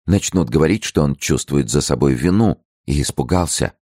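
A man's voice: very deep voice, lively intonation, normal speed, a little mellow, no room sound, clean studio sound. A man reading as an anxious noble lady in an audiobook, sighing with worry. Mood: worried. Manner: sighing, worried.

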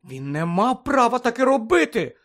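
A man's voice: on the high side, expressive, a little fast. A man reading aloud voicing a clever, bossy teenage schoolgirl who lectures her friends. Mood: earnest. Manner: earnest, lecturing. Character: fussy clever teenage girl student, bossy.

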